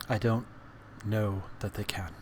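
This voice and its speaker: A man voicing an exhausted, guilt-ridden elderly scientist in a tabletop game, halting and laboring to speak like a weary old man. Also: on the low side, steady tone, darkish tone, slight background noise, lightly acted. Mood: grave, exhausted. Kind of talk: acted diary recording in tabletop game.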